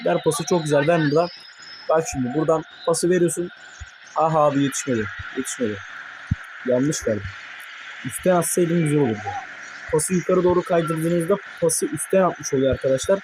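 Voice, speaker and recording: A young man commentating his own mobile football match for viewers, excitable and quick to curse at his players in frustration. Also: a little high, background noise. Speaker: gaming YouTuber.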